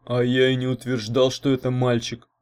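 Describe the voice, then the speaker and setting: A man's voice: medium pitch, completely flat delivery, normal speed, a little mellow, clean tone, close to an everyday voice. A man reading an audiobook, playing a slippery young man, a liar and thief, who talks defensively and flustered.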